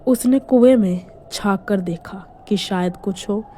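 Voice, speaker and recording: A woman narrates a spooky village tale with a dark, mellow voice. She often sinks into near-whispers to build suspense. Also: mid-range voice, unhurried, a little hiss or hum. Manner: hushed, suspenseful storytelling. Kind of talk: scripted horror story narration.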